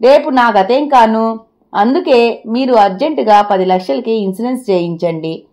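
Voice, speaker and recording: A woman's voice: fairly high pitch, moderate pace, darkish tone, natural voice. A woman voicing a blunt scheming wife. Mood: insistent. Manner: blunt, insistent. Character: scheming sharp-tongued wife, matter-of-fact.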